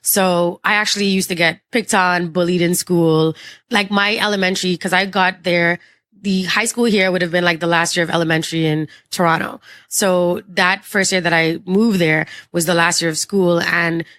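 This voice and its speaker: A woman's voice: on the low side, fairly even intonation, normal speed, fairly bright tone, dry recording, clean studio sound. A woman from Trinidad and Tobago in her thirties with a Trinidadian accent, chatting openly as an interview guest. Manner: chatty and open, lots of you-knows and likes. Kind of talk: casual interview conversation.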